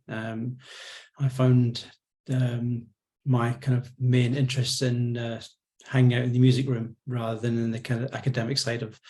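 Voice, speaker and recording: A man in his fifties with a Scottish accent, a musician guest chatting on a video call from his home studio, relaxed and reflective with many ums and restarts. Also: medium pitch. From Scotland. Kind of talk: casual interview chat.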